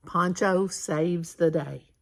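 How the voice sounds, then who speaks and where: A woman reading a children's picture book aloud at storytime, with slow, clear storytelling. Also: on the low side. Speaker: storytime reader.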